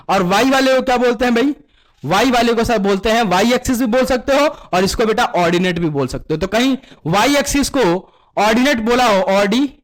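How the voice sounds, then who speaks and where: Extremely high in pitch and slightly bright, this male voice belongs to a math teacher working in Hindi with English vocabulary. In his call-and-response lesson he asks the same question over and over, answers it himself, and refers to students as "beta."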